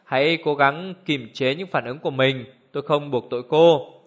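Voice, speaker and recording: A man voicing an elderly male judge who speaks in a cold, clear, measured way, on a dull lo-fi recording. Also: on the high side, close to an everyday voice. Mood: cold, deliberate. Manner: measured, icy authority.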